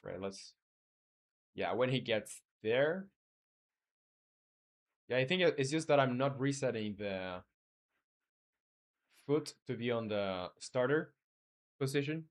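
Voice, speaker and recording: A man from Chile, a game developer, chats casually on a live stream while coding, thinking aloud and answering viewers kindly. Lots of hesitation, filler words and restarts mark his speech, and his mid-range voice has lively intonation at a slow pace with frequent pauses.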